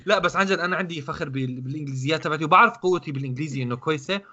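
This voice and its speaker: A man's voice: a little high, rapid-fire, pushed and bright, muffled recording. A man, co-hosting a podcast in casual banter, boastful and teasing, tripping over his words. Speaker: podcast co-host.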